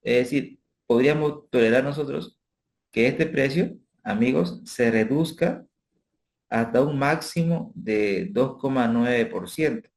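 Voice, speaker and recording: A man's voice: medium pitch, a little slow, a little mellow, slight background noise. A man giving a recorded finance class over a spreadsheet, explaining step by step and checking in with his students with frequent tag questions. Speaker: instructor. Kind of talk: spreadsheet tutorial lecture.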